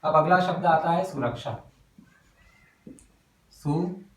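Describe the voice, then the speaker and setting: Guy teaching verse syllables, slow and deliberate, kinda high voice, roomy echo, mic set back. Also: far from the mic. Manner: slow, spells out syllables while writing. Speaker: Hindi poetry teacher. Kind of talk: whiteboard lesson.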